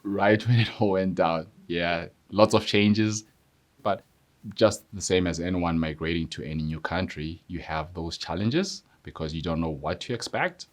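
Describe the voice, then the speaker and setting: A middle-aged man from Zimbabwe, a police constable, telling his story in a measured, reflective way with frequent fillers. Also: low-pitched. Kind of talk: personal testimony interview. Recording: soft music underneath.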